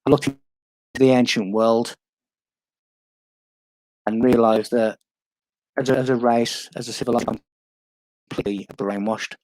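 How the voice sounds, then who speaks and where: A man's voice: medium pitch, steady tone, normal speed, long pauses, darkish tone, dry recording. Man lecturing over crackling audio. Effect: crackling audio from a loose cable. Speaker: presenter. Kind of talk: lecturing presentation. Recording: crackling call audio, dry.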